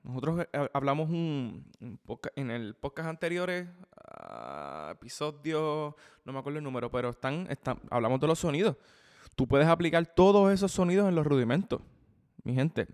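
A man's voice: fairly high pitch, very animated, moderate pace, a little mellow. Man, drum teacher, podcast host, casual lesson, repeats himself, long reverb. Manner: chatty, repeats words and restarts phrases often; checks in with the listener a lot.

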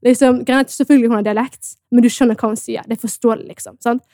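A woman's voice: on the high side, dry recording. Young woman with a Bergen accent, dry sound. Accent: Bergen Norwegian. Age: young adult. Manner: animated storytelling, mixes in English words. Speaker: podcast co-host. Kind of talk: casual chat.

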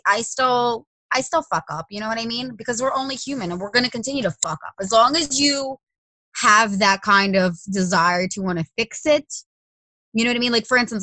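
A woman in her thirties speaks bluntly in casual conversation, swearing for emphasis and driving her points home. Her voice is bright and forward, and the recording is dry and close with no room echo. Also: medium pitch.

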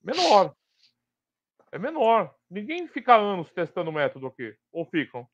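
A Brazilian man speaks in a high voice with a slight lisp. He hosts a live discussion off the cuff, stressing and repeating key phrases as he works through his point. The sound is dry and a bit dull, like a lo-fi stream. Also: huge pitch swings, moderate pace, no room sound. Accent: Brazilian Portuguese. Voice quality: slight tongue-tied lisp. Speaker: host of a live sports betting talk stream. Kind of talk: unscripted live commentary and discussion.

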